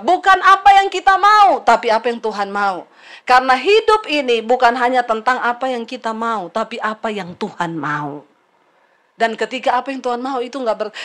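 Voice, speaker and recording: A middle-aged woman pastor preaching a sermon in a lively, teasing way, addressing her congregation directly. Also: on the high side.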